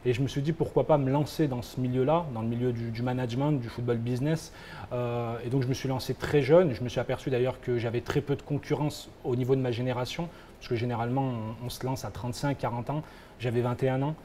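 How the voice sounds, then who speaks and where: There's a little hiss or hum behind this fast-talking young man from France, a football agency founder interviewed as a guest. His medium-pitched voice has a steady, dark tone, and his answers are hesitant, with many fillers and restarts.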